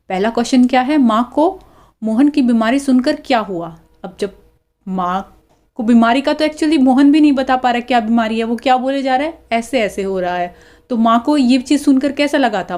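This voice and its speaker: A woman with a fairly high voice teaches a school lesson. She reads out the passage, acts out its lines and keeps turning questions back to her students. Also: a little mellow. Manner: explains step by step, reading the passage aloud and acting out its lines; often poses questions to students. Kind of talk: explaining a school worksheet.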